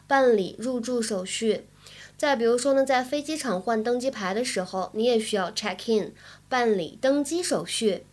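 Woman English teacher, slightly high voice, clear and careful explanations. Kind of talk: language lesson.

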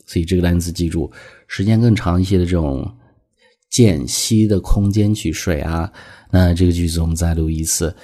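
Low mellow guy doing a vocab lesson, explains everything patiently, reads the examples nice and slow. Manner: reads English examples slowly and clearly. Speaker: English teacher.

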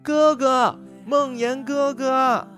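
A bold, teasing village girl from a storybook, her voice pitched up high with lots of lively swoops. She talks sassy and spirited, voiced by a man reading the story. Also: a little fast, soft background music. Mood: shouting. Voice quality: high, bright put-on girl's voice.

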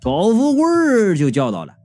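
A man narrating a comic story in the first person, animated and playful. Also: high voice, normal speed, faint music behind.

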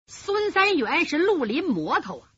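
A woman's voice: very high-pitched, very animated, unhurried, fairly bright tone, a little hiss or hum. A woman telling a traditional martial arts story in a vivid, dramatic way. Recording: dull lo-fi recording.

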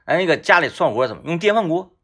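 A man's voice: fairly high pitch, very animated, racing, fairly bright tone. A man, co-hosting a casual chat and recalling childhood meals with emphasis. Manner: reminiscing, emphatic. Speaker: podcast co-host.

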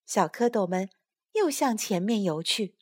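A woman reading a children's story aloud to her child, expressive and unhurried. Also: mid-range voice, slightly rough, dry recording, clean studio sound. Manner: expressive, slow storybook telling. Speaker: storyteller mother.

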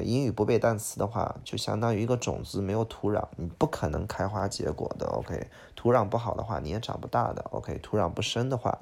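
A man with a gravelly, husky voice, a native Chinese speaker, teaching a vocabulary lesson. He explains each word, repeats its pronunciation, and often says "OK". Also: on the low side, a little mellow.

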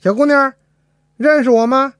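A man's voice: very high voice, fairly even intonation, moderate pace, a bit bright, dry recording, voice pushed up. A man voicing a young male dragon villain who swaggers and bullies. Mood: taunting. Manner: swaggering, bullying.

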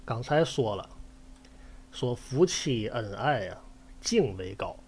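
A husky man hosts a storytelling show in a chatty, folksy manner. His pitch swings widely as he acts out the quoted lines. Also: animated, takes it slowly, darkish tone. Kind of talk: casual storytelling commentary.

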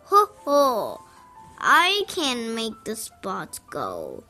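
A woman voicing a playful, boastful male cat in a hat for a read-aloud picture book, drawing out his words in a slow, sing-song way. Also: a little high, wildly swooping pitch, pushed and bright, soft background music, exaggerated voice. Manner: slow, drawn-out, sing-song storybook delivery.

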